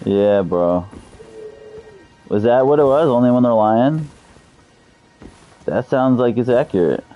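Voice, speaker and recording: A man's voice: medium pitch, lively intonation, slow, phone-quality sound. A man in his thirties streaming a game, chatting loosely and cursing freely with his viewers. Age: 30s. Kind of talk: casual live-stream chat.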